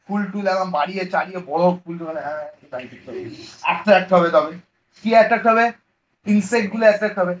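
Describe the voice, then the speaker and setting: A man's voice: sits high, fast talker. A male biology teacher with a Bengali accent, giving an online class lecture in a casual way. He quizzes his students, answers his own questions and drops English terms into his speech. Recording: dull lo-fi recording.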